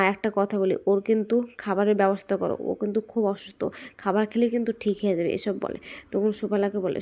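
Woman narrator, dark mellow tone, casual serial recap voicing each character's lines. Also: medium pitch. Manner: quotes each character in turn, switching between narration and dialogue. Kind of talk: casual retelling of a TV serial episode.

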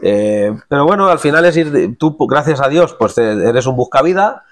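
Relaxed male impressionist chatting. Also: mid-range voice, normal speed. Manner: relaxed, colloquial, drops into impressions mid-sentence. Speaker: voice impressionist guest. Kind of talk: casual interview chat.

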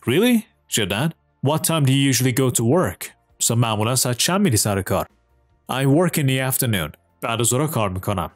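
Male teacher from Iran, animated voice, dry close mic, faint music under; quick explanations, slow careful model phrases. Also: mid-range voice, no room sound. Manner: reads English lines slowly and clearly, explains quickly. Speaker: English teacher. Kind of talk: language lesson, explaining in Persian with English examples.

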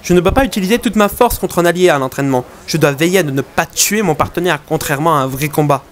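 A man reading aloud the lines of a mighty warrior who is wary of hurting his sparring partner, in a steady, measured way. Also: on the high side, lightly acted. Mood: calm. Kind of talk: reading game dialogue aloud.

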